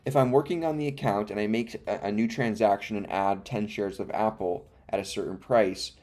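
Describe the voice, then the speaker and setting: Brisk and fairly low-pitched, with a darkish tone, this man hosts a live coding stream despite having the hiccups. He talks himself through the code under his breath, rambling and revising as he explains, while quiet music and keyboard tapping fill the background.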